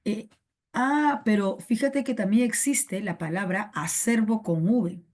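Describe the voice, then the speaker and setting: A woman's voice: medium pitch, unhurried, a little mellow. A young adult woman teacher with a Peruvian Spanish accent giving a live online class, repeating words and synonyms over and over. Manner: repetitive, drills synonyms.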